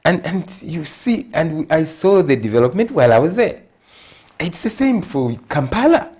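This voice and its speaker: A man's voice: fairly high pitch, moderate pace, breathy edge. A middle-aged man with a Zambian accent, a guest in a TV interview, speaking earnestly and growing emphatic. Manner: earnest, grows emphatic and animated. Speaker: guest consultant.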